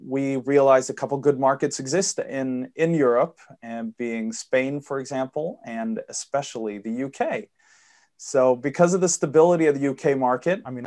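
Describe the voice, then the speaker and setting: A Swedish man with a Swedish-American accent appears as an investor guest on a podcast interview. His mid-range voice is slightly mellow, and he explains things at length, fluently but with frequent fillers.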